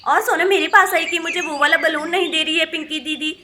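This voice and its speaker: A woman's voice: extremely high pitch, steady tone, brisk, pushed and bright. Woman voicing an obliging young bride-to-be. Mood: explaining. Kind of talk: doll story play-acting.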